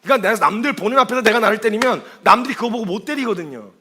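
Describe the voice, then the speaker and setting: A male missionary preaching at a quick clip with a high, bright, forceful voice. He tells stories and throws out rhetorical questions, slipping into quoted speech along the way. The delivery stays animated throughout. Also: breathy edge. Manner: storytelling, asks rhetorical questions. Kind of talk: sermon.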